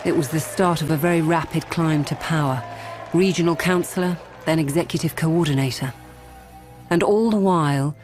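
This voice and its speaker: In a radio drama, an actress with a deep female voice plays a calm, ruthless politician, narrating in a measured, controlled way that carries a quiet menace. Music plays behind her.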